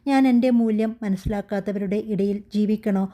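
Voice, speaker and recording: A woman voicing a hurt young wife who grows firm, speaking in a quiet, steady way. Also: medium pitch, fairly quick, natural voice. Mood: resolute. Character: young wife, hurt but growing resolute.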